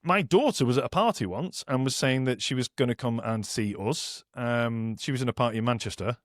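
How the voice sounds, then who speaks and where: A middle-aged male podcast host tells jokey stories in casual chat, laughing at his own tales. His mid-range voice moves a little fast, recorded clean in a studio with no echo.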